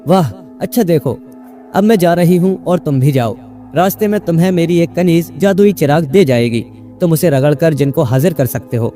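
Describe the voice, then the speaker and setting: A man's voice: fairly high pitch, animated, warm tone, soft background music, close to an everyday voice. A man voicing a playful, mocking female witch spirit in a storybook tale. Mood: teasing.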